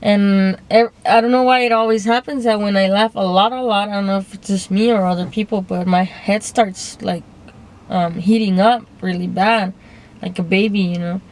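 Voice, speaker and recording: A woman's voice: medium pitch, fairly even intonation, moderate pace, darkish tone. A young woman talking to her phone camera in a casual, confessional monologue, hesitant and rambling, often restarting and trailing off. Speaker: vlogger.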